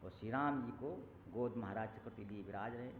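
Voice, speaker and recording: A male preacher delivers a devotional sermon, moving from storytelling into slow, sung recitation of verses. His voice comes through a thin, phone-like channel that rings with the long reverb of a large hall. A faint hum sits underneath. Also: fairly low pitch. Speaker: katha preacher. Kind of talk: Ram Katha sermon with chanted verses. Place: temple hall. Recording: echoey hall over a tinny lo-fi line.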